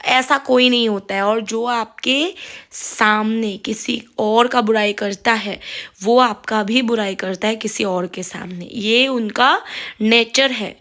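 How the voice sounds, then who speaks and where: A woman's voice: a little high, slow pace, a bit bright. A young adult woman vlogger giving frank life advice in a casual monologue while she cooks. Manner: talks while cooking.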